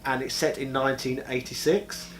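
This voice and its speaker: A man in his thirties co-hosting a casual gaming chat, playful and jokey, getting excited as he talks. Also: medium pitch, moderate pace, soft background music. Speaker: co-host of gaming chat show.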